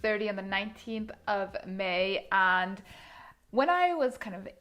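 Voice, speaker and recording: Woman, 30, vlogger; earnest, thoughtful monologue to camera, mid-pitched, lots of hedging fillers. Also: lively intonation, unhurried, fairly bright tone. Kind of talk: reflective casual monologue to camera.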